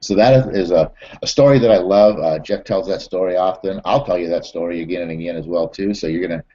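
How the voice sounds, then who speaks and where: Deep-voiced man telling a motivational story. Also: mellow, dull audio. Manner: repetitive, halting, many fillers and restarts. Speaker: network marketing trainer. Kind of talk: storytelling and motivational training recap.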